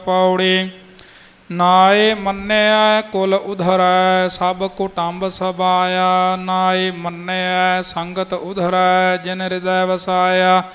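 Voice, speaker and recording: A man reciting scripture in a slow, even, sung-through chant. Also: high voice. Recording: long hall reverb, faint music.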